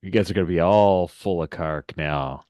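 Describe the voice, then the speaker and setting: A man's voice: deep voice, normal speed, darkish tone, no echo, dull audio. A man talking casually as game master of a tabletop game.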